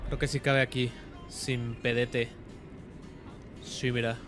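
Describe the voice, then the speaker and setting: A young man with a Mexican Spanish accent, casually commenting on a driving game with joking, excitable outbursts. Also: mid-range voice, takes it slowly, music in the background. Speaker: streamer.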